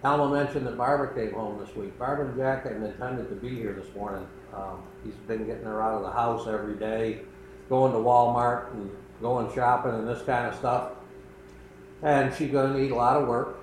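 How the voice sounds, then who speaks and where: Older man, pastor, earnest conversational sermon, mid-pitched, very reverberant church room. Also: steady tone. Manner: earnest, conversational preaching with pauses. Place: small church. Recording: echoey room with faint background noise.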